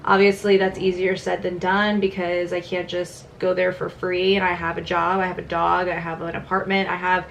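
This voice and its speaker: A woman's voice: on the low side, little pitch movement, moderate pace, vocal fry, few pauses, muffled recording, slight background noise. A woman in her twenties chatting casually at home through a makeup vlog, filling her talk with "like". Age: 20s. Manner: chatty, many "like" fillers. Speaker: vlogger. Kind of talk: casual vlog chat during a makeup routine.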